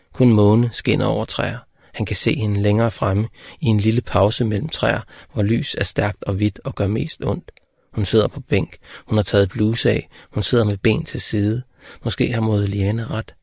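A man reading a literary audiobook in plain, terse, measured sentences. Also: on the low side, creaky, darkish tone, no room sound, clean studio sound. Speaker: audiobook narrator. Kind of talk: scripted literary narration.

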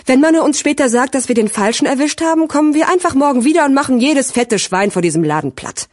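A woman's voice: high-pitched, lively intonation, fast talker, no room sound, clean studio sound, voice pushed up. A woman voicing a hot-headed fourteen-year-old boy gangster in an audiobook, snapping and bossy. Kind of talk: audiobook character voice.

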